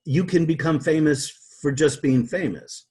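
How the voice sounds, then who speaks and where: A man being interviewed as a guest, talking in a halting way with many restarts and repeated words. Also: fairly high pitch, darkish tone, husky. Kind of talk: conversational interview.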